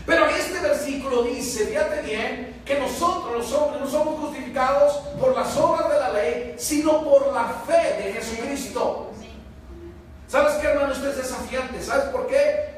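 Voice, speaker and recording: A man, a pastor preaching a sermon emphatically, swinging between loud rises and low hushed lines, often asking the congregation for agreement. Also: a little hiss or hum. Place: church hall. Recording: echoey church from far off.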